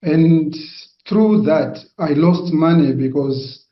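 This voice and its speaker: A man from Zimbabwe tells his personal testimony slowly and hesitantly, pausing often. His voice sits a little high. It comes through an echoey, dull-sounding video call. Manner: slow, hesitant, many pauses and fillers. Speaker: testimony giver.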